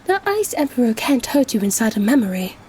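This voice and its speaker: A woman voicing a kind, supportive android who speaks gently and reassuringly. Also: fairly high pitch, big pitch swings, a little fast, a little hiss or hum. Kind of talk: fan audiobook voice acting.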